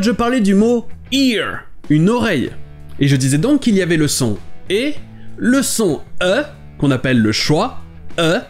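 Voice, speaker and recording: A man hosts an English pronunciation lesson. His voice is high and very animated, and he explains eagerly. Faint music plays underneath. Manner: lively, explanatory. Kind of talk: video lesson.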